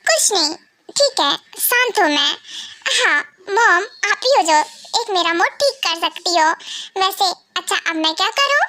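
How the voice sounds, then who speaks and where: A woman's voice: very high-pitched, lively intonation, measured pace, sharp tone, exaggerated voice. A woman voicing a hot-tempered young male vampire son, whiny and defensive, in a fan audio drama. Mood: pleading.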